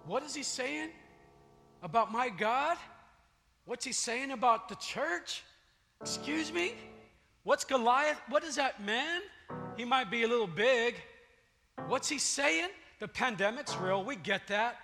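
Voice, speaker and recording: A preacher doing an indignant young David. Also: male voice, very high voice, expressive, measured pace, pauses often, bright, forceful tone, voice pushed up, heavily acted. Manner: incredulous, rising outrage. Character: young shepherd David, male, indignant and defiant. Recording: long church reverb, faint music.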